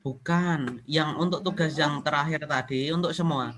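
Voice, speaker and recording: Casual Indonesian lecturer on a call. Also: male voice, fairly high pitch, normal speed, a bit bright, a little hiss or hum. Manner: repeatedly asks if he can be heard; conversational, mixes casual slang into teaching. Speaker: university lecturer. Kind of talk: online class lecture.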